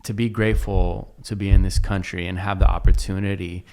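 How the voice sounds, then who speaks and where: A male podcast host with a fairly low voice, chatting in a relaxed, agreeable way. He often restarts and searches for words. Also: brisk. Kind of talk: casual podcast chat.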